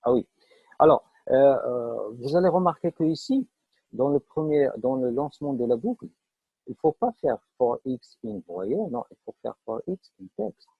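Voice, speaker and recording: A man's voice: medium pitch, expressive, normal speed, vocal fry, slightly rough, dry recording. A man teaching a live online programming class, explaining step by step with frequent fillers and checks that students follow. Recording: dull lo-fi online class audio.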